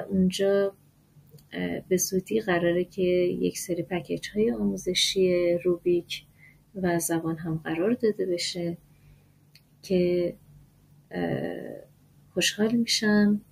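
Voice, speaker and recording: A woman teaching English letter sounds in a lesson, explaining in Persian and saying each sound slowly and with stress. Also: mid-range voice, vocal fry, darkish tone, slightly rough. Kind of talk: language lesson.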